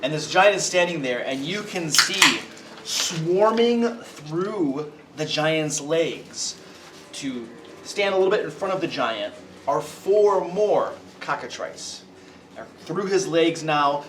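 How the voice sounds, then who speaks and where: A man's voice: fairly high pitch, a little slow, fairly bright tone. A man narrating a tabletop game as game master, explaining the scene and checking that listeners follow. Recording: echoey room, distant mic, faint noise.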